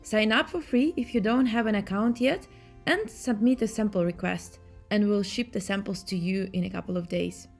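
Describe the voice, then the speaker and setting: A woman's voice: medium pitch, moderate pace. Woman narrating a promo over guitar. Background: soft guitar music.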